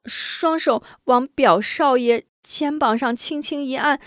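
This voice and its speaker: A woman's voice: high voice, slow pace, dry recording, studio quality, voice pushed up. A woman voicing a timid young maidservant girl who stammers and hurries her words. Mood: flustered.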